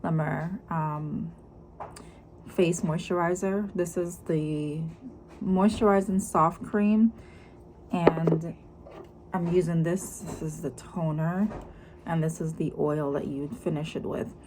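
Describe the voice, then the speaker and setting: Low-voiced Jamaican woman vlogging, noisy room. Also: steady tone, takes it slowly, long pauses. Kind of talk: casual chatty vlog. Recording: clearly noisy room ambience.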